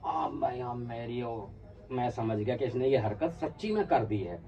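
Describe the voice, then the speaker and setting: A man's voice: mid-range voice, unhurried, distant mic, rough recording. A man telling a casual personal anecdote, acting out what his friends said along the way. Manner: animated, acts out quoted friends. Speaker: storyteller.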